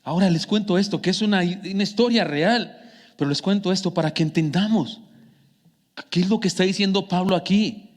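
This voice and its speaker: A man with a Mexican accent preaching a sermon as a pastor, telling stories in a conversational way that swings from hushed to emphatic. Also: high-pitched, brisk. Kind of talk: sermon with personal storytelling. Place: church sanctuary. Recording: long church hall reverb.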